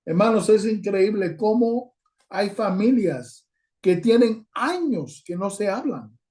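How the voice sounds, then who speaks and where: Over a video call, a male guest preacher gives a sermon in a fairly high, mellow voice, expressive and slow. He reads scripture aloud at length before speaking directly to the congregation as brothers.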